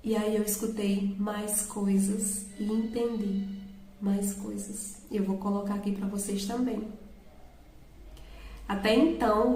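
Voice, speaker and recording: A woman's voice: mid-range voice, a little mellow, echoey room, slight background noise, poor audio. A woman earnestly telling her viewers a personal faith testimony, awed and direct. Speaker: testimony vlogger.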